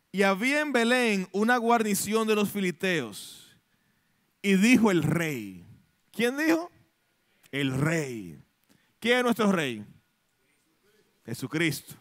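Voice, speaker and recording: A male pastor from the Dominican Republic delivering a sermon in a high voice. He works the room with rhetorical questions and acts out quoted lines. The sound is dry and close. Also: fairly bright tone, no room sound.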